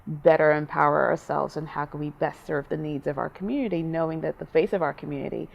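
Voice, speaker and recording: A woman from Cameroon, a guest in a studio panel conversation, speaking earnestly and deliberately with drawn-out pauses. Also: deep voice, steady tone, creaky, lo-fi sound, a little hiss or hum. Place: small TV studio.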